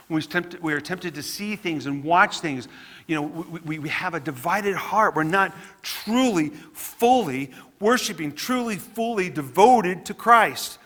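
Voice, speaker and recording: A man with a high, bright voice preaches a sermon as a pastor, earnest and conversational, often stumbling and restarting his phrases. His voice rings out with a long reverb, as if in a church sanctuary.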